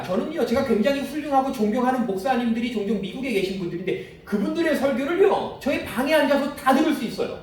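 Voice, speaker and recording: A man's voice: extremely high pitch, darkish tone, a little hiss or hum. A male pastor preaching a conversational sermon, asking the congregation questions and telling stories from home. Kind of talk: sermon with storytelling. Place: church sanctuary. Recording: echoey church hall, distant mic.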